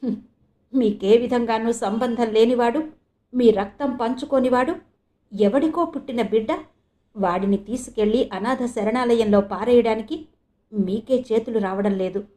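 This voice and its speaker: Woman doing a tearful young mother, high-strung, raised pitch, soft mellow tone, storybook reading. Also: normal speed, natural voice. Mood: firm. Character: young mother, distraught and defiant.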